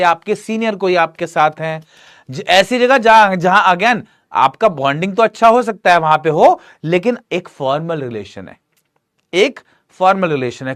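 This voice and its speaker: A man teaching a grammar lesson in a lively, joking way, often asking his students questions. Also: sits high.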